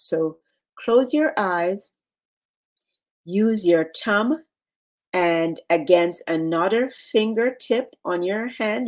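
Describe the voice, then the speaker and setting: A woman coaching in a measured, instructional way, leaving pauses as she guides a relaxation exercise. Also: lowish voice, darkish tone. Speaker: relaxation and mental fitness coach.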